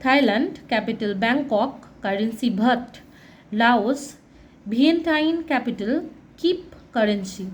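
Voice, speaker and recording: A woman's voice: on the high side, normal speed. A woman teacher reading through a children's textbook lesson, explaining plainly, spelling out words and warning against mix-ups.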